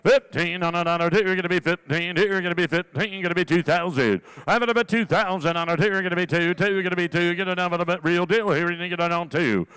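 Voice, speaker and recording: Male auctioneer, high clear voice, fast bid-calling chant, repetitive rolling patter. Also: fairly bright tone. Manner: repetitive, rolling filler phrases between numbers.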